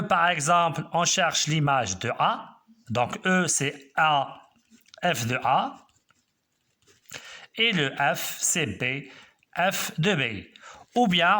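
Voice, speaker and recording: Slow, lively-voiced male math teacher. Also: a little high. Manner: slow, explaining step by step, checking with students. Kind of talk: classroom math lesson.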